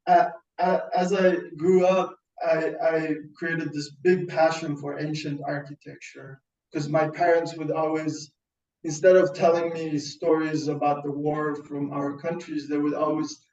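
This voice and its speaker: A man's voice: a little high, flat delivery, a little slow, a little mellow. A man from Iran who grew up in Sweden, giving a webinar talk on a video call and often restarting his words. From Iran, raised in Sweden. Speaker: founder presenting a webinar. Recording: distant roomy lo-fi sound.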